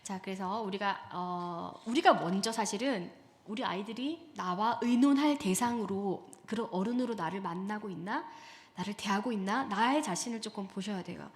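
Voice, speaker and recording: A woman's voice: medium pitch, normal speed. A middle-aged woman giving a conversational sermon on talking with teenagers, acting out what parents say. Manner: acts out parent and child quotes in lively voices; conversational, addresses the audience directly. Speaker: church staff speaker. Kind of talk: Wednesday sermon on parenting teens.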